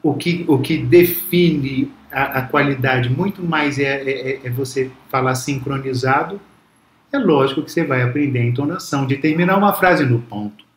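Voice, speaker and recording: A man's voice: medium pitch, normal speed, reverberant, slight background noise. A man, reflective and storytelling, talking as a guest in a casual conversation. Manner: reflective, storytelling, frequent restarts.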